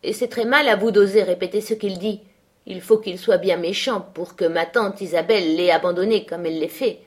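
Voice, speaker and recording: An earnest, quick-tempered teenage girl, as a woman reader puts her on. She speaks eagerly and flares up with indignation, at a middling pitch lifted a little above the narration. It sounds like a novel read aloud. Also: fairly even intonation, lightly acted. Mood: indignant.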